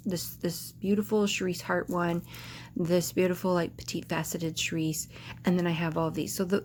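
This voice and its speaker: A woman's voice: on the low side, a little mellow, a little hiss or hum. A woman vlogging casually to camera, rambling and hesitant, with lots of filler words and restarts.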